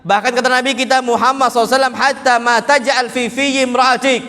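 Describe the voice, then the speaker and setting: A man's voice: extremely high pitch, flat delivery, quick pace, sharp tone, in a large hall. A man teaching an Islamic study class in casual Indonesian, asking his listeners questions and answering them himself, and quoting Arabic phrases. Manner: calls listeners "Pak" and "antum". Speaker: ustadz teaching a religious book study.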